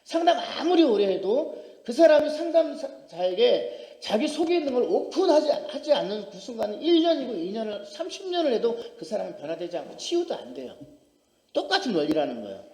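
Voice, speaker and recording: A man's voice: extremely high pitch, sing-song, fairly quick, gravelly, a little mellow. A middle-aged male pastor preaching a sermon to a small congregation, telling his own story in a conversational, emphatic way. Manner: personal testimony, conversational and emphatic. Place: small church sanctuary. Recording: roomy church hall reverb.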